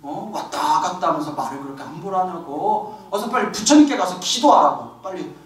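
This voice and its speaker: A man's voice: sits high, lively intonation, brisk, voice pushed down. A male monk voicing a stern elderly head monk with a fiery temper, barking commands. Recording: echoey hall, distant mic.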